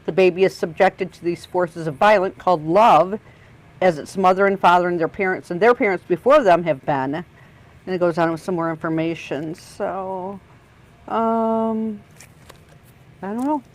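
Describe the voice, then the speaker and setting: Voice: mid-range voice, moderate pace, low-quality recording. A co-host on a record store's morning show, casually reading sleeve details and prices aloud in an easygoing way.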